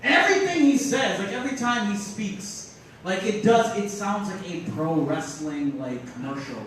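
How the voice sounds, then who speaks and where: A man with a high voice performs a stand-up set, riffing in a loose, self-mocking way. He sounds like he's some distance from the mic. The room is very echoey, with a faint hiss behind him. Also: animated, normal speed, fairly bright tone. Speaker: stand-up comedian. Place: comedy club stage.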